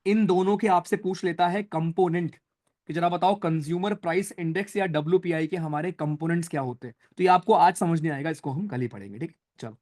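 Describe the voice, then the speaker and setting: A man's voice: a little high, a little fast, darkish tone. A young man teaching a live online class, chatty and teasing, mixing English terms into his talk. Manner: chatty, teasing, addresses students as brothers and friends; mixes Hindi with English terms. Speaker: online exam-prep teacher.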